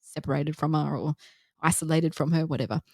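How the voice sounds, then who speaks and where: A woman co-hosting a podcast, chatting casually about a film she reviews, laughing easily and thinking out loud. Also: low voice, fairly even intonation, brisk, husky, dry recording, clean studio sound. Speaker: podcast co-host.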